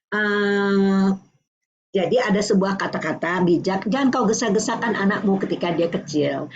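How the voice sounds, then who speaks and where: An older woman from Indonesia giving a lively parenting talk, acting out dialogues between a parent and a child. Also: medium pitch, highs cut off. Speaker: parenting speaker.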